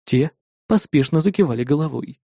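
A man narrating a first-person story in an expressive audiobook style, voicing the dialogue. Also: fairly high pitch, a little fast, husky, dry recording, studio quality.

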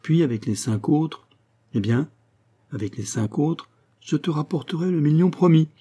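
A man's voice: on the high side, lively intonation, moderate pace, mellow, slightly rough, pitched above the performer's own voice. Man playing a pompous penniless gambler. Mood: boastful. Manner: pompous, sententious.

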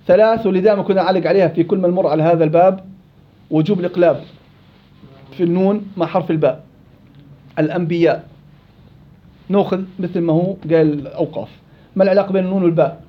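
A man leads a classroom tajweed lesson, firing quick questions at his students. His voice sits high and his words come fast. The recording is dull and lo-fi. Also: steady tone. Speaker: Quran recitation teacher.

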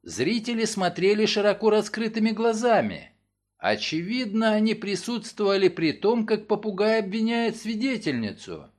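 Expressive high-voiced male narrator. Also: normal speed. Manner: expressive storytelling. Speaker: audiobook narrator. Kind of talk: scripted narration.

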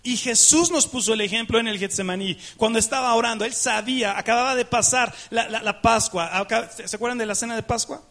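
A man preaching a sermon. He keeps turning to the congregation with questions and acts out little dialogues with God, shifting between slow, weighty phrases and quick asides. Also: very high voice, fairly bright tone. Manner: asks the congregation questions, rhetorical and emphatic. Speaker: pastor.

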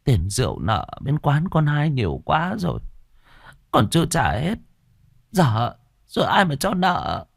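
A man's voice: fairly high pitch, huge pitch swings, measured pace, vocal fry, dry recording, studio quality, voice pushed up, full character voice. A man voicing a stammering terrified peasant wife. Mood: anxious. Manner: stammering, tearful begging. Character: frightened, pleading middle-aged peasant wife.

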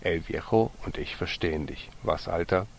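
A man reading the lines of a calm, kindly circus director in a storybook, with a very deep, gravelly voice. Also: moderate pace, slight background noise. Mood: reassuring.

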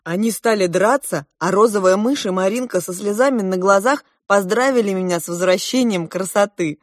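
Woman reading a kids' storybook out loud, lively and expressive, very dry close sound. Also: medium pitch, moderate pace, dry recording. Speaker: audiobook narrator. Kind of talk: first-person storybook narration.

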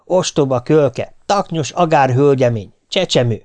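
A man reading the lines of a calm, unflappable middle-aged mother in an audiobook, in a dry, matter-of-fact way. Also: mid-range voice, close to an everyday voice.

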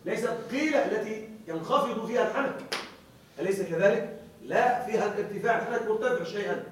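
A man teaching a grammar class, explaining slowly, repeating key words and checking that students follow. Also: high-pitched, slight background noise. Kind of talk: classroom lecture. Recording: very echoey room, voice far from mic.

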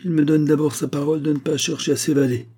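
Storybook villain: a man voicing a haughty male Russian major, husky and mellow, sneering and domineering. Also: fairly high pitch, little pitch movement, fast talker, pitched above the performer's own voice. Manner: sarcastic, domineering.

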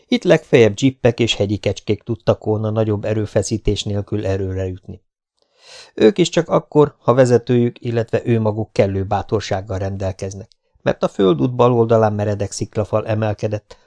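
Dark-voiced man reading a novel. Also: fairly low pitch. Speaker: audiobook narrator.

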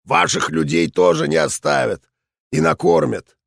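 A man voicing a gruff old veteran general in an audiobook, hoarse and blustering. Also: a little high, lively intonation, moderate pace, no room sound, studio quality, pitched above the performer's own voice, heavily acted. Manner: blustering, shouting. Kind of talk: audiobook character voice.

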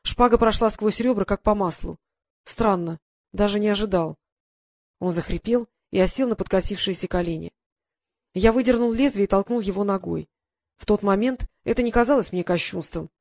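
A woman narrating a first-person adventure novel in an even, measured storytelling manner. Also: medium pitch, no room sound. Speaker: audiobook reader.

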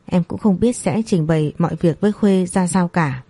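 A woman's voice: lowish voice, moderate pace, mellow, no echo. A woman voicing a troubled married man who talks in a plain, reassuring way.

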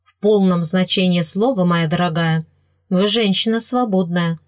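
A woman voicing an earnest middle-aged man from a storybook, who proposes marriage with slow, pleading insistence. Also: fairly low pitch, no room sound, studio quality, natural voice.

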